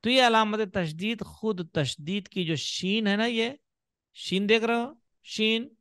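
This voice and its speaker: A man's voice: high voice, slow pace, fairly bright tone, clear, resonant tone, no room sound, studio quality. A man teaching children to read in an online class, patiently drawing out sounds as he demonstrates them. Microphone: video call.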